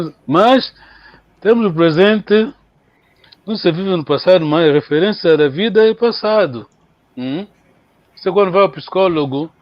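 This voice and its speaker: A man's voice: fairly high pitch, no echo, muffled recording. A man teaching a language in a live online lesson, chatty and coaxing, repeating words for students to practise.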